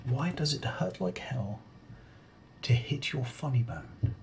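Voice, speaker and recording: A man doing a deadpan comedic call center role-play, halting and apologetic as he asks his questions. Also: mid-range voice, gravelly. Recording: keyboard typing noise. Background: computer keyboard typing.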